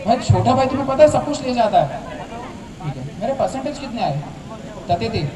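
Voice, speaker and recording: A young man telling an animated stand-up comedy story, acting out his family members. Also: very high voice, brisk. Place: large tented college hall with a seated crowd. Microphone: handheld mic, filmed from far back in the audience. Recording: distant echoey hall with crowd noise. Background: audience laughter and chatter.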